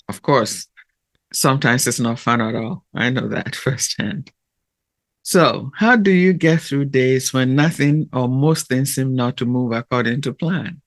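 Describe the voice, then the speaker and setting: A man speaking in a gentle, measured and deliberate way, with long pauses, as he hosts a reflective talk and guided meditation. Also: medium pitch. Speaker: podcast host and meditation guide.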